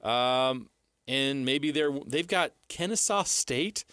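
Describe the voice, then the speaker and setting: On a sports radio show, an American co-host with a mid-range, fairly bright voice makes his pitch to his partner slowly and expressively. He pushes his argument hard, driving points home through repetition. The audio is dry and clean, studio quality.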